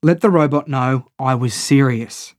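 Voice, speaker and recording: A man's voice: mid-range voice, measured pace, no echo, clean studio sound. A man narrating a first-person audio story in a wry, conversational way.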